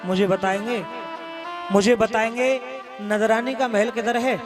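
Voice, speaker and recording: A man's voice: high-pitched, fairly even intonation, measured pace. A male storyteller voicing a polite, learned male visitor who asks his way and later humbly begs pardon. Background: instrumental music.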